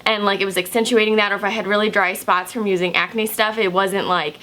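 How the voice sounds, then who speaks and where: A woman's voice: mid-range voice, fairly even intonation, brisk, pushed and bright. A young woman chatting casually to camera in makeup check-ins, full of "like"s and easy fillers. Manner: chatty, filler-heavy with many "like"s. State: slightly hoarse, just woken from a nap. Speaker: makeup vlogger.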